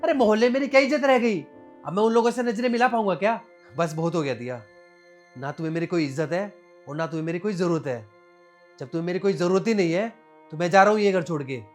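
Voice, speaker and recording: A man's voice: sits high, fast talker, faint music behind, close to an everyday voice. A man acting as a husband in a short drama, wounded that his wife slapped him in public and vowing to leave home. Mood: hurt reproach. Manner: hurt, reproachful. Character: wounded proud husband, humiliated and sulking. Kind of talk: scripted web short drama.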